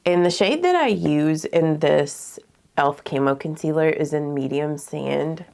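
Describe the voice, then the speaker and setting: An expressive woman with a low, darkish voice and vocal fry speaks a little slowly. She chats casually through her makeup as a beauty vlogger, slightly congested and nasal, with many filler words.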